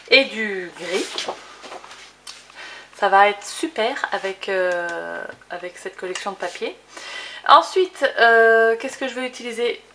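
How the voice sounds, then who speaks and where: A woman's voice: on the high side, pushed and bright, a little hiss or hum. A woman hosting a casual scrapbooking tutorial, chatty with many fillers as she shows her papers. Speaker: crafting video host.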